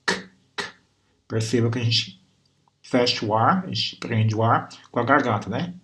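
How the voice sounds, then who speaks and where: Here the Brazilian man's voice is medium-pitched and a bit bright, at normal speed, carrying a Brazilian Portuguese accent. Teaching English grammar and pronunciation in a recorded lesson, he patiently demonstrates by repeating sounds and words.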